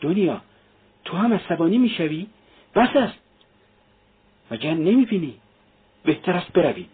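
A husky-voiced man reading a novel aloud, voicing a frightened, pleading elderly mother in a raised voice. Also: big pitch swings. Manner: high, pleading and fearful. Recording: tinny phone-like sound.

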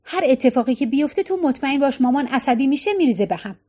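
A fussing, panicky young husband from an audiobook, voiced by a woman in a high voice. He nags and frets at everyone around him. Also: animated, dark tone. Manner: nagging, panicky.

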